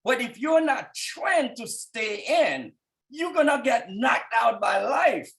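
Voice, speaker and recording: This man from Haiti, in his thirties, has a very high, gravelly, sing-song voice and speaks slowly with a strong Haitian accent. Giving a motivational talk to people on a call, he grows fervent and shouts at the peaks.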